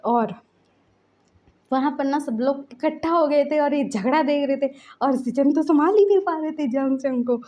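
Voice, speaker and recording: A woman's voice: high-pitched, moderate pace, dark tone, lo-fi sound. A woman casually retelling a fan-fiction story in a chatty, loose way, full of fillers.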